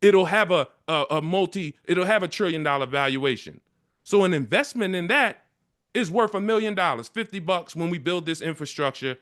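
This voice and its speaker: A man with a notably high-pitched voice delivers a motivational speech to an assembly. He drives his points home with emphatic, repetitive rallying lines, taking questions as the session's leader. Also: lively intonation, moderate pace, fairly bright tone. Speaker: community leader addressing an assembly.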